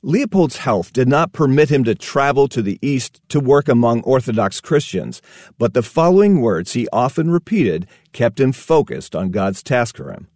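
A man reads a scripted narration in a measured, even way. His pitch moves around a good deal, and the sound is dry and close. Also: no echo.

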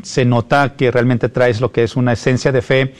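A man hosts an interview, asking questions in a friendly, chatty manner. His voice sits at an ordinary middle pitch. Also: flat delivery, normal speed, a little mellow. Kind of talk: conversational interview.

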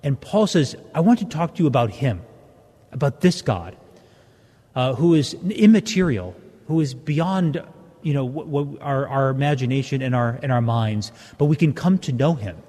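Mellow priest preaching in cathedral-like echo. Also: male voice, medium pitch, animated. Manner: conversational, halting explanatory delivery. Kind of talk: Gospel reading and homily. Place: large reverberant church interior. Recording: echoey church with long cathedral-like reverb.

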